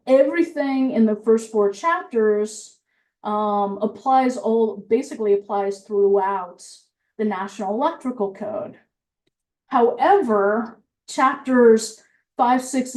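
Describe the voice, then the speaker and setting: A woman's voice: medium pitch, darkish tone. A woman compliance engineer giving a methodical technical presentation, explaining with frequent fillers, and she has the hiccups.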